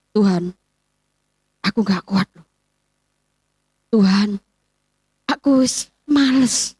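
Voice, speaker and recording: A high-pitched woman preaches with an East Javanese accent, animated and quick to put questions to her congregation. Her voice comes across close and dry, with no room sound around it. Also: no echo. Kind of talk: lively sermon. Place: church service.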